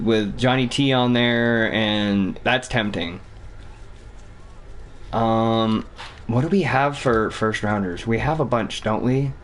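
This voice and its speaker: A man's voice: medium pitch, a little hiss or hum. Rambling, cursing young male game streamer. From Vermont. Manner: rambling, cussing, thinks out loud. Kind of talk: casual gaming commentary.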